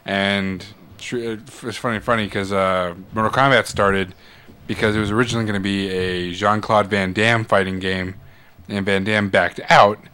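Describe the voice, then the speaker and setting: A man's voice: lowish voice, fairly even intonation, moderate pace, sharp tone, clean tone. A young adult man in casual chat, explaining trivia in long runs and swearing.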